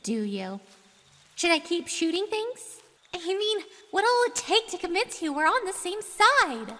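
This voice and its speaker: A woman's voice: very high-pitched, very animated, a little slow, sharp tone, full character voice. A woman voicing a plucky, brash young college-age bootlegger in a cartoon fan dub, perky, cheeky and inquisitive. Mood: insistent. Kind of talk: animated fan dub acting.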